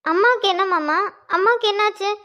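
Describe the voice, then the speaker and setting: Woman as orphaned college girl, very high, pleading and sobbing. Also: fast, sharp tone. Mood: anxious. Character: grieving young woman, college student, orphaned. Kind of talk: Tamil cartoon voice acting.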